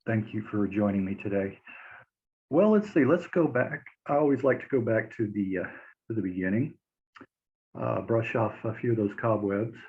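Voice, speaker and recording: Male podcast host, 40s, casual and halting, narrow phone-like sound from a webcam call. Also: on the low side. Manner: friendly, halting, laughs easily. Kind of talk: interview hosting. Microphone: video call. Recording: tinny phone-like line.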